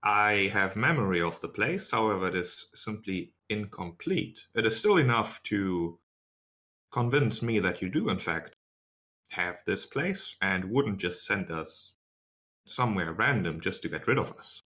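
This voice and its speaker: A man voicing a cautious female adventurer in a tabletop game, speaking formally and precisely in measured phrases. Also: on the low side, expressive, bright, forceful tone. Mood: measured doubt.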